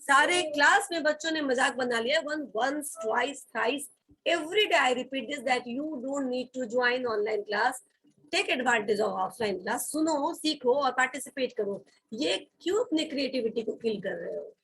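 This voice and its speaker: A woman's voice: sits high, slow pace, a bit bright, breathy edge, poor audio. A woman with an Indian accent teaching a college vocabulary class, speaking firmly and spelling words out letter by letter. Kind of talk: classroom lesson mixing Hindi and English.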